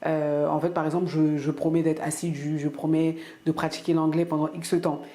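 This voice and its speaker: This vlogger from France speaks in a deep, dark voice at a brisk pace with a level tone. Chatting casually to camera for her weekly vlog, she rambles and fills it with fillers and restarts.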